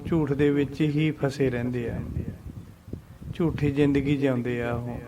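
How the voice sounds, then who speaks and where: A man teaching scripture pronunciation, patiently chanting verses slowly and explaining them. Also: medium pitch, noisy background.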